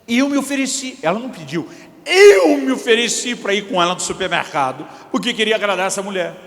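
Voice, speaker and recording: A man voicing an angry middle-aged husband who yells indignant complaints, in an echoey church hall. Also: high-pitched, big pitch swings, quick pace, pitched above the performer's own voice, full character voice. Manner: indignant, yelling.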